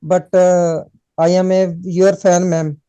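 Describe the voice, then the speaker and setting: Homme lent et monotone, anglais hésitant. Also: male voice, high voice, clean tone, no room sound, highs cut off. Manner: halting broken English, many fillers. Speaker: meeting participant. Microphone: video call.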